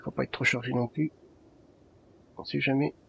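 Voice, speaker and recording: A man's voice: medium pitch, fairly even intonation, moderate pace, gravelly, fairly bright tone, a little hiss or hum. A man giving casual let's play commentary, muttering and thinking aloud to himself.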